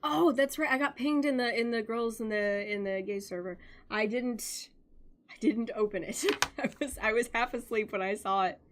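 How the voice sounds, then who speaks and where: A woman streaming a game, chatting casually with viewers, excitable and chatty with quick reactions. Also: on the high side, slight background noise. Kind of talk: casual live-stream chat.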